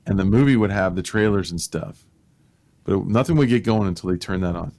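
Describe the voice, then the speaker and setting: Deep-voiced man telling stories animatedly. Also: a little fast. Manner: animated storyteller, laughs at own tales, many restarts. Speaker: podcast co-host. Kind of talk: casual storytelling chat.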